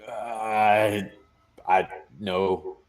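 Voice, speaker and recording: A man's voice: lowish voice, fairly even intonation, drawn-out words. A young man narrating as game master for a tabletop game, often repeating words as he restarts his sentences. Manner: stammering restarts, acts out characters' lines.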